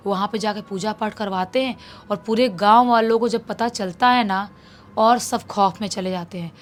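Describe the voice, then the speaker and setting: A woman telling a horror story in a relaxed, conversational way for a storytelling channel. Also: medium pitch, slight background noise. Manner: conversational, relaxed retelling with acted quotes. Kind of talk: casual spoken horror storytelling.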